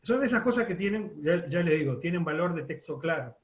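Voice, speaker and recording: A man's voice: fairly high pitch, lively intonation, fairly quick, echoey room, muffled recording. A man teaching a radio course, explaining step by step with many fillers and restarts. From Uruguay. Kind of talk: online class lecture.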